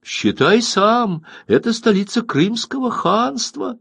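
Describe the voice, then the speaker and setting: A man reading an audiobook, voicing playful, teasing young women of a khan's harem in a high falsetto. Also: expressive, slow, creaky, fairly bright tone, husky, no echo, full character voice.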